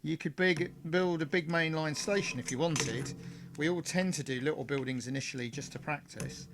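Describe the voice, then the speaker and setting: A man's voice: fairly high pitch, normal speed, background noise. A man hosting a live-streamed model railway crafting demonstration, talking in a rambling, chatty way full of fillers and self-corrections. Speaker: model railway hobbyist host.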